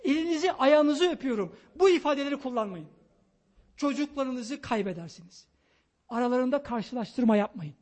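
A man giving an emphatic, excitable sermon on parenting, pleading with his listeners in a loud voice. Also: very high-pitched, moderate pace. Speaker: preacher.

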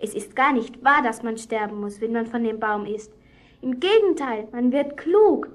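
A woman in a children's radio play voicing the curious first woman in paradise, soft and earnest. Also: fairly high pitch, expressive, normal speed, close to an everyday voice.

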